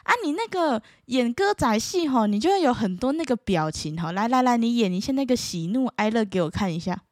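A woman's voice: fairly high pitch, lively intonation, a little fast, no echo, studio quality, voice pushed up, natural voice. A woman voicing a nosy, pushy older relative who talks in an exaggerated, bossy way.

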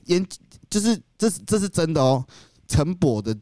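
A man's voice: on the high side, big pitch swings, moderate pace, mellow, dry recording. A man with a Taiwanese accent chatting casually and frankly as a podcast co-host, in colloquial speech peppered with English words.

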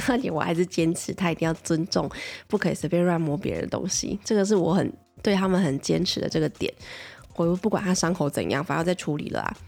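A Taiwanese-accented mother in her thirties talks casually and animatedly, often turning to her listeners for agreement. Her voice sits low and carries a gravelly fry. Soft music plays faintly behind her. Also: animated, fast. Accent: Taiwanese Mandarin. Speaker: pediatrician. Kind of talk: casual storytelling to viewers.

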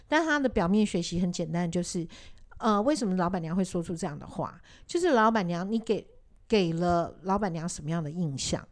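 A woman's voice: on the low side, expressive, fairly quick. A woman hosting a casual talk show, telling a counseling story and acting out what people said, with many fillers. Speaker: podcast host and counselor.

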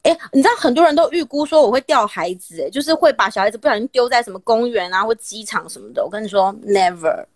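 A woman in her thirties with a Taiwanese Mandarin accent hosts a podcast, telling a dramatic story in casual chat with animated delivery and laughs. Her pitch is fairly high, and she talks quickly with hardly any pauses. The studio-quality recording has no room sound.

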